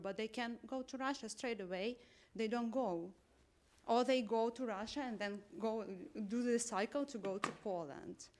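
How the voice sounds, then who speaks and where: A young woman from Ukraine, asking a question at a talk in an earnest, careful way. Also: fairly high pitch. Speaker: audience member asking a question.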